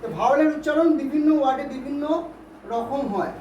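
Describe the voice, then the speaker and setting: A woman's voice: high-pitched, quick pace, mellow, muffled recording. A woman teaching English vowel sounds to pupils, patiently repeating words and asking questions to check they follow. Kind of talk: Bengali-language grammar lesson. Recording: roomy, distant, faint background hiss.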